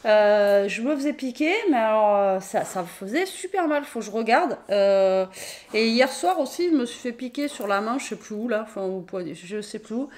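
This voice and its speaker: A woman with a hoarse, raspy voice chatting casually in a vlog, tired and rambling with many fillers. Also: on the high side, animated, moderate pace, darkish tone. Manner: rambling, many fillers, talks to her pet. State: tired, worn out. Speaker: vlogger.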